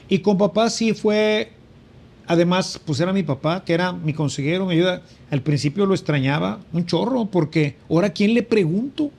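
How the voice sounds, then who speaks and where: Reflective man, fairly high voice. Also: a little mellow. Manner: reflective, with frequent fillers and emphatic rises. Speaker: priest. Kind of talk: conversational spiritual reflection.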